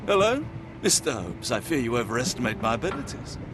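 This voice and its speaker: An actor playing an earnest, anxious gentleman doctor in a video game, with a British accent and formal, expressive delivery. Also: medium pitch, fairly quick, noisy background. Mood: doubtful. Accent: British English. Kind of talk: dramatic video game cutscene acting. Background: music.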